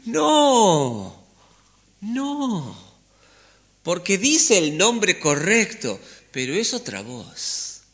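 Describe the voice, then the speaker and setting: A man's voice: mid-range voice, fairly bright tone. A man with a Rioplatense Spanish accent preaching a conversational sermon in a church, checking in with listeners and sometimes dropping almost to a whisper. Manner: conversational preaching with frequent "¿eh?" checks, sudden drops to near-whisper. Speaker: pastor.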